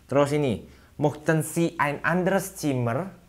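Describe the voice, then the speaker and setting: A young man talks through a relaxed language lesson in a loose, chatty way. He acts out little sample complaints in a livelier voice, then slows down carefully to say each foreign phrase. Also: fairly high pitch. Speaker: language teacher. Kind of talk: casual lesson explaining phrases.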